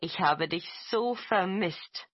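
A woman's voice: lowish voice, slow, husky, no room sound, muffled recording. A woman voicing a sly female fox spirit disguised as a young sister, coaxing and then cursing. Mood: eager. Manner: pleading, then shrieking curses.

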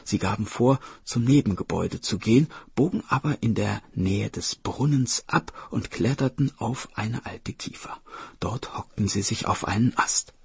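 A man narrating a folk tale in an expressive, dramatic storybook reading. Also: lowish voice, normal speed, vocal fry, husky, no room sound.

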